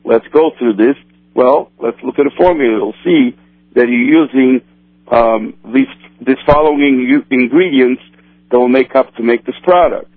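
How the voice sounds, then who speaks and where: A medium-pitched man answers interview questions in a halting, stop-start manner, restarting often. He is a kosher supervisor from Brazil and a native Portuguese speaker, heard over a tinny phone line that sounds dry, with no room sound.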